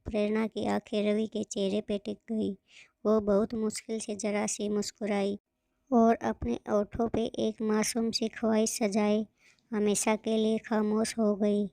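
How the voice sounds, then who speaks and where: A woman narrating a moral story in a steady, scripted reading. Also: medium pitch, a little slow, vocal fry, no room sound.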